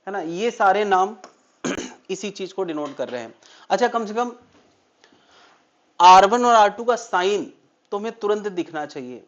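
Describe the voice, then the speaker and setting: A high-pitched man lecturing a physics class. He poses questions to his students and answers them himself. The recording is dull and lo-fi. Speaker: physics teacher.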